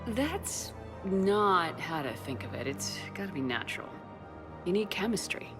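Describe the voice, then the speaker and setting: An actress playing a firm, dry-witted military commander in a video game, direct and assured. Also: female voice, lowish voice, sing-song, unhurried, music in the background. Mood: wry.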